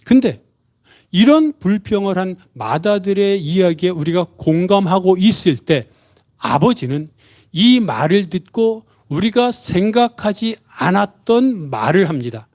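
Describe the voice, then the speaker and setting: A man's voice: high-pitched, big pitch swings, a little slow, a little mellow. A man preaching a sermon as a church pastor, questioning the congregation and acting out quoted speech. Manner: asks the congregation questions and has them repeat after him; acts out the father's and son's words in quotes.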